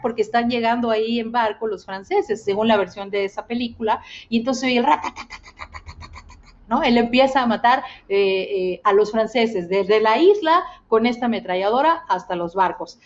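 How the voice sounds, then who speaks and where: A woman's voice: fairly high pitch, moderate pace, hardly any pauses. Woman reading novels aloud, lo-fi. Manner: alternates explanation with expressive reading of passages. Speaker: host of a reading and storytelling stream.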